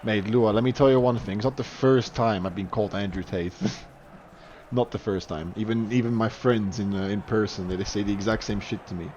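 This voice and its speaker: On a muffled recording with a bit of hiss or hum, a young man chats his way through commentary on a live online match, using fillers and restarts and rising sharply for goals and saves. His voice is on the low side, darkish in tone and fairly quick.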